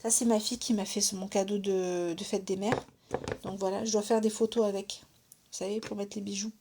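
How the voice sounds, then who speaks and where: Middle-aged french woman chatting through a craft livestream, warm mellow tone, bit of hiss behind. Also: medium pitch, flat delivery, a little fast. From France. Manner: chatty, asks "d'accord?" often, thinks aloud with fillers. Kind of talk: casual live crafting tutorial.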